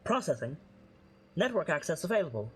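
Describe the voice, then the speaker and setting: A man, the game master, voicing a clipped robotic custodian drone in flat machine-like announcements. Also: a little high, fairly quick, soft background music. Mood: alarmed.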